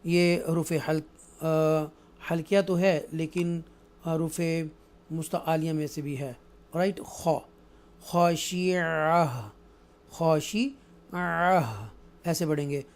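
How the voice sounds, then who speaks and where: A man with a Pakistani accent teaching Quran recitation rules, alternating explanation with slow, drawn-out recited verses and often asking "right?". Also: a little high, level tone, a little mellow. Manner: frequent checking "right?". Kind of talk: tajweed lesson, explaining and reciting.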